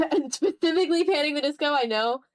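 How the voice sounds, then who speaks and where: Her voice is high and quick as she chats while drawing on her art stream. The streamer muses out loud, unsure of herself and poking fun at her own efforts.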